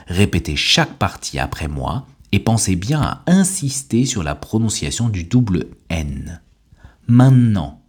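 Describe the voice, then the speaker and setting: A man with a deep, slightly husky voice gives a scripted language lesson. His pitch rises and falls in a lively way, and he speaks each word clearly and deliberately, like a teacher guiding learners. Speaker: French teacher and podcast host.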